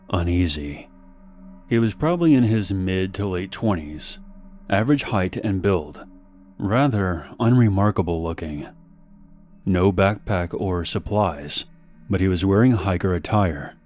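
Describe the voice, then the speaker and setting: A man narrating a horror story in a measured, steady storytelling manner. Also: sits low.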